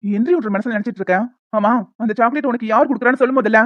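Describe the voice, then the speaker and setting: Fast-talking stern young man, voiced by a woman. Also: on the high side, no room sound, dull audio, close to an everyday voice. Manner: firm, lecturing, quick-talking. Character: young man Karthik, stern but caring protector. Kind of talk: animated story dialogue.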